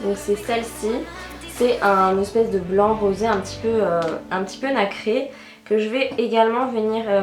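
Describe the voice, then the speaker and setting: A young woman giving a casual makeup tutorial as a beauty vlogger, chatty and full of fillers like "euh" and "donc voilà". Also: fairly high pitch. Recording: roomy voice with loud background music. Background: background music.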